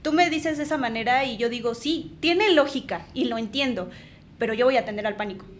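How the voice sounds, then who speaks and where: High-voiced young Mexican woman, animated. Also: a little fast. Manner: animated, laughing, reflective. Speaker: podcast co-host. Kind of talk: casual chat.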